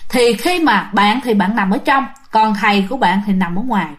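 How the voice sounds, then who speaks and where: A woman's voice: mid-range voice, normal speed. A woman telling a ghost story, chatty and talking straight to her listeners. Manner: chatty, addresses listeners directly.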